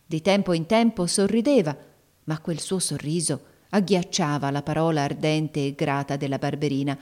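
Female audiobook narrator, measured storytelling, lowish voice. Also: steady tone, darkish tone. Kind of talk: scripted narration.

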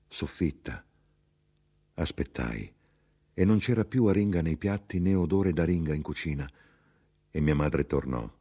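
A man narrating a novel aloud in an expressive literary reading style. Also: extremely low pitch, breathy edge. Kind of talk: audiobook reading.

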